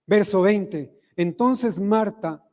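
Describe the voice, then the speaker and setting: A man's voice: high-pitched, extremely slow, darkish tone, big-room sound. A male pastor with an Ecuadorian accent, preaching a sermon in church and putting questions to the congregation. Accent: Ecuadorian Spanish. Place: church sanctuary.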